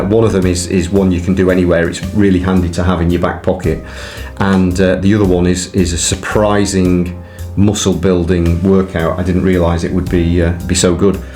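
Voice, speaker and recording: Low-voiced man in a rambling fitness vlog. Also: darkish tone. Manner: hesitant, rambling delivery with frequent filler words. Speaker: fitness vlogger. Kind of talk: casual, unscripted chat to viewers.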